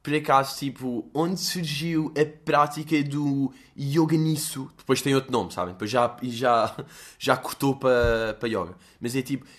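Speaking at normal speed in a mid-range, fairly bright voice, this young man has a European Portuguese accent. He runs a laid-back solo podcast, wandering between topics, mocking himself, and cursing freely.

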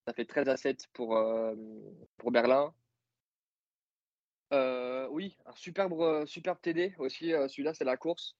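A man's voice: mid-range voice, steady tone, unhurried, a little mellow, dry recording, muffled recording. A man co-hosting a podcast, casually recapping a football game with many fillers and joking asides. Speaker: podcast co-host, football analyst.

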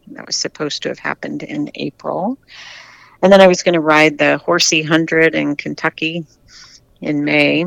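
A retired US cyclist in their sixties gives casual, candid interview answers, chatting with frequent restarts and repeated words. The voice is medium-pitched, gravelly, and fairly bright, on a rough recording with no room sound.

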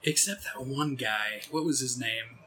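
A man's voice: mid-range voice, pushed and bright, slightly rough. A man co-hosting a podcast, chatting casually and joking around with friends. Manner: jokey, quick to laugh. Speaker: podcast co-host. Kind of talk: casual chat.

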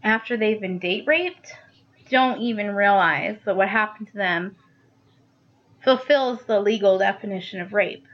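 A woman speaking calmly and matter-of-factly in casual conversation, as a podcast co-host. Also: mid-range voice, a little slow. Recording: dull lo-fi sound.

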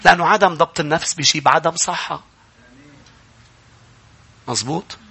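A middle-aged male pastor with a Lebanese Arabic accent, preaching a sermon that climbs into loud, emphatic passages and calls out for amens. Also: a little high, moderate pace, gravelly, husky.

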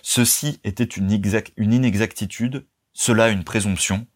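A man reading a novel aloud as narrator, in a measured, even storytelling manner. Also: on the low side. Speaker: audiobook narrator. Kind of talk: scripted narration.

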